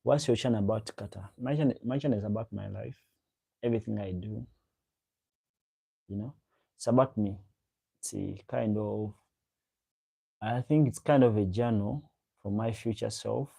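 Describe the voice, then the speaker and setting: This livestream host, whose first language is a local African language, has a lowish, husky, creaky voice with a warm tone. He talks at a moderate pace and pauses often, rambling and repeating himself while chatting directly with viewers and reading out their comments.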